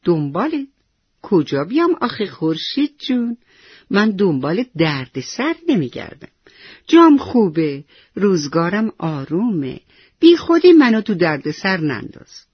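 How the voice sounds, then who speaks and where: A woman's voice: fairly low pitch, sing-song, husky, dry recording, highs cut off. A woman voicing a tiny lazy seed that whines it is comfortable in the soil and refuses to get up. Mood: reluctant. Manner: whiny, complacent, reluctant. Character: tiny lazy comfy seed, stubborn, childlike.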